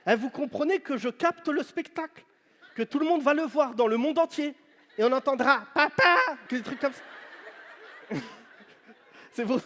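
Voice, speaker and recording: On a big stage, a stand-up comedian with a strikingly high voice teases the crowd loudly through a handheld mic. He speaks at normal speed, pausing often, and the large hall adds a long reverb to the live show.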